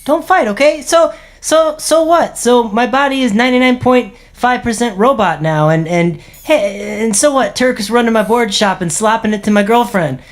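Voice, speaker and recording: A woman's voice: a little high, moderate pace, few pauses, close to an everyday voice. A woman playing a laid-back male cyborg surfer who stammers and drawls. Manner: stammering, mellow surfer talk.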